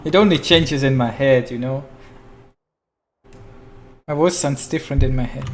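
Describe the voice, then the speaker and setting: A man calmly commentating his own live strategy game, in a mellow, flat, laid-back voice, chatting and often laughing. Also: mid-range voice, moderate pace. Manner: mellow, flat monotone delivery. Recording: noisy with keyboard clatter. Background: keyboard typing and mouse clicks.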